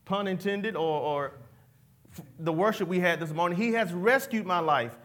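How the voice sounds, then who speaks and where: A man's voice: high voice, normal speed, fairly bright tone. A man preaching a sermon, leading the congregation in call-and-response and mixing in folksy asides. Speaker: pastor.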